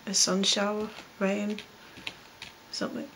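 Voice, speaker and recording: A young Australian woman speaking casually and offhandedly in a vlog, reading out prompts and answering them in a low-key way. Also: monotone, a little slow, fairly bright tone, slight background noise, poor audio. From Blue Mountains, New South Wales, Australia. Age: young adult. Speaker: vlogger. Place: small bedroom, indoors.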